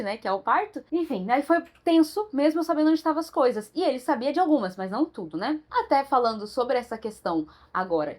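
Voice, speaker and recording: A young woman telling the story of her time after giving birth in a casual vlog, chatty and rambling, with fillers, restarts and a laugh now and then. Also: on the high side. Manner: chatty, rambling, with frequent fillers and self-corrections; laughs between sentences. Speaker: new mother sharing her postpartum story. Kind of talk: casual personal vlog talk.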